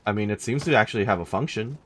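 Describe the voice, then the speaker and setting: Low-voiced man giving casual gameplay commentary. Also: very fast, a bit bright, a little hiss or hum. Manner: dry, thinking aloud. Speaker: gaming let's-player.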